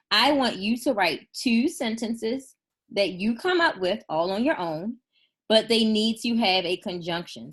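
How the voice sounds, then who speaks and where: A woman teaching a first grade class in a recorded remote lesson, patient and encouraging, slowing down to spell out sample sentences. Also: mid-range voice, a bit bright. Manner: slow, deliberate dictation of sample sentences.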